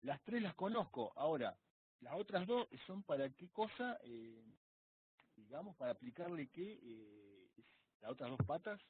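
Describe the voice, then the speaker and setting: A man's voice: on the high side, sing-song, measured pace, creaky, a little hiss or hum. A man asking questions as a student in a live online class, hesitant and searching for words. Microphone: video call. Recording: tinny video call audio.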